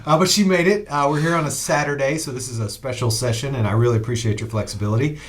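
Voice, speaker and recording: A man's voice: medium pitch, quick pace. A man hosting a podcast interview, enthusiastic and full of fillers as he introduces his guest. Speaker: podcast host.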